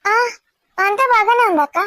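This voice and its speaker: A woman playing a lonely young woman staying as a guest, who speaks softly and keeps her feelings in. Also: very high voice, lively intonation, normal speed, no room sound, heavily acted. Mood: subdued.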